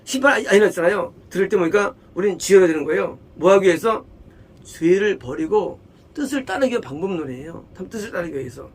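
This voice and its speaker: A middle-aged man preaching a sermon with emphatic, questioning delivery. His voice sits fairly high with a husky, breathy edge. He keeps throwing rhetorical questions at his listeners. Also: expressive, fast talker. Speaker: pastor.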